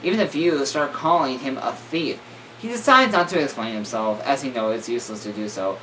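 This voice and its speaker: A man's voice: medium pitch, animated, fairly quick, a bit bright, faint music behind. A young man reading a horror story aloud, stumbling over words and correcting himself with joking asides. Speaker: reader. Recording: distant mic with faint room noise.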